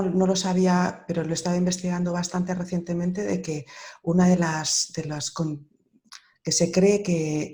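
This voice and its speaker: A woman hosting an interview, friendly and quick to agree with short replies as she steers the conversation. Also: lowish voice, warm tone. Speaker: interview host.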